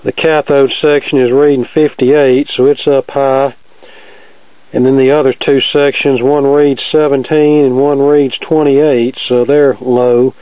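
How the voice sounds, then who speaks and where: Narrating his repair work unhurriedly, this host and record player hobbyist stays casual and matter-of-fact. His medium-pitched voice is level, clear and resonant with no echo, yet the audio is muffled like a phone, with noise behind it.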